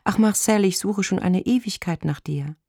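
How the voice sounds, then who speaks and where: A man's voice: high voice, normal speed, darkish tone, slightly rough, no echo, studio quality, voice pushed up. A male reader voicing a woman caller at night, longing and insistent, in a storybook reading.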